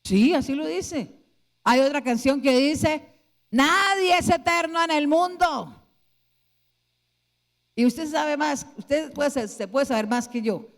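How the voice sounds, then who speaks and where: A woman's voice: high voice, takes it slowly, long pauses. Woman pastor preaching in a reverberant hall. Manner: asks the congregation many rhetorical questions. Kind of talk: sermon. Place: church hall. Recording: long church hall reverb.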